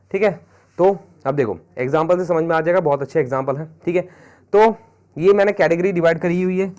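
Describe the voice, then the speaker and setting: A man with an Indian English accent teaching an exam-prep grammar lesson, switching between Hindi and English and asking the class questions. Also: a little high. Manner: mixes Hindi and English, repeats questions to students.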